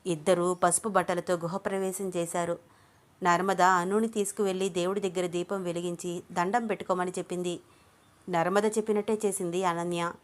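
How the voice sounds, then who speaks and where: A woman's voice: lowish voice, level tone, normal speed. Woman narrating a love story.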